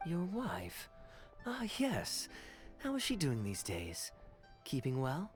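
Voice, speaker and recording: An actor playing a suave, unruffled captain in a video game, with a smooth, wry and teasing delivery. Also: male voice, fairly high pitch, huge pitch swings, slow pace, faint music behind, exaggerated voice. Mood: casual, pleasant.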